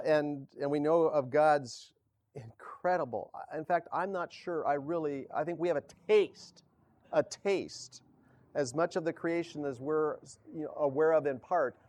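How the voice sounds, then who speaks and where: A man preaching a casual sermon, halting and correcting himself, often chuckling. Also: a little high, a little mellow. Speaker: pastor.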